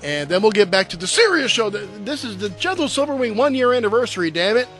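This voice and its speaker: A man's voice: high voice, sing-song, fast talker, fairly bright tone, soft background music. A man hosting a live internet show in casual chat, rambling and joking between songs. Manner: jokey, rambling, breaks into laughs and impressions. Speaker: host.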